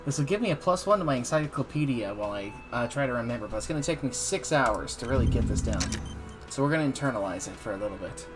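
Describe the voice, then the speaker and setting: His mid-range voice is animated and quick as he streams a video game live with game music in the background. The man drinks while he plays, cursing often and chatting in a loose, playful, casual way.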